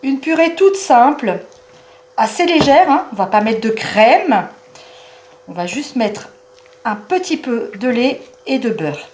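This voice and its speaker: A woman hosting a home cooking show, chatting warmly and explaining each step of a recipe. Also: fairly high pitch, very animated, takes it slowly, a little hiss or hum. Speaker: cooking channel host. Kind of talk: cooking demonstration. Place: home kitchen.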